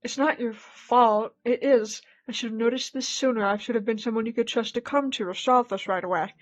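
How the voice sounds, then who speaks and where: A woman voicing a poised, protective female art professor in a formal, measured tone. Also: a little high, lightly acted, rough recording. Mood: composed.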